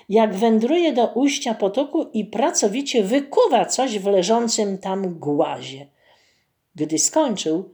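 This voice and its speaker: A woman reading a legend aloud to children in a slow, expressive storytelling voice. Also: medium pitch.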